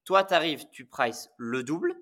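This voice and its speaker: Host, male, somewhat higher voice, casual probing interviewer. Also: expressive, measured pace, fairly bright tone. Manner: probing, recaps the guest's points. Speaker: podcast host.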